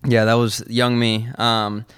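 A man's voice: medium pitch, flat delivery, unhurried, a bit bright, smooth, no room sound, studio quality. A man from Argentina, a musician guest, telling his story in a casual, easygoing interview and laughing often.

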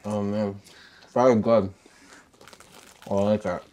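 A man's voice: lowish voice, steady tone, slow, warm tone. A man from Quebec co-hosting a casual chat, easygoing and rambling, with many fillers. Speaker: co-host.

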